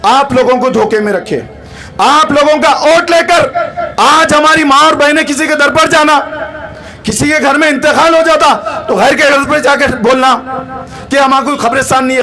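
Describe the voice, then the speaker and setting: A man with a Hyderabadi accent giving a fervent, repetitive campaign rally speech, often shouting. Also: very high voice, fairly even intonation, moderate pace. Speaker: political campaign speaker.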